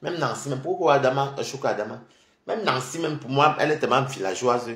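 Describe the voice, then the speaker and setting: Male streamer; animated, scornful gossip commentary with lots of repeated words, in a roomy, echoing space. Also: mid-range voice, brisk. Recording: roomy echo.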